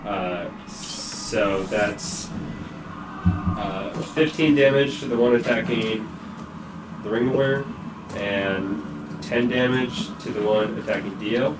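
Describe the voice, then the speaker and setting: A man's voice: lowish voice, slow pace. A man chatting casually and calling his moves as a player in a tabletop role-playing game. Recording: roomy, distant mic, clear background noise.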